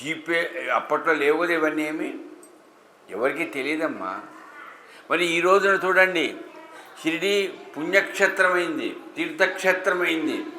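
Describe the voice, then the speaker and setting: A man's voice: a little high, pushed and bright. Male devotional speaker, emphatic and questioning, recorded in a roomy hall with faint background noise. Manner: emphatic, rhetorical questions to the audience. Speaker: religious speaker. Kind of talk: devotional discourse. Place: temple hall with an audience. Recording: echoey hall, faint ambience.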